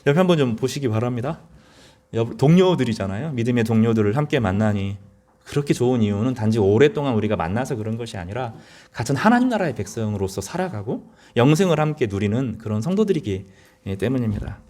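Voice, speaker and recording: A man's voice: mid-range voice, expressive, fast, mellow. A middle-aged male pastor giving a sermon in an earnest, conversational way, often rising to emphatic peaks.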